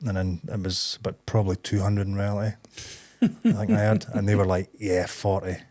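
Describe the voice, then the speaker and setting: A Scottish man with a very low voice, chatting casually as a podcast co-host. He tells stories in a relaxed, rambling way and often breaks into laughter. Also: brisk. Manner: chatty storyteller, easygoing, drops into laughter. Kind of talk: casual chat.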